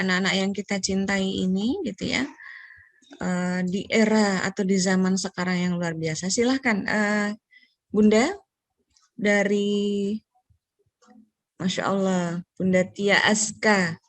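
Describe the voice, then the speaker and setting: A woman's voice: mid-range voice, dry recording. Polite woman moderating an online Q&A. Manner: polite, reads out questions, filler-heavy.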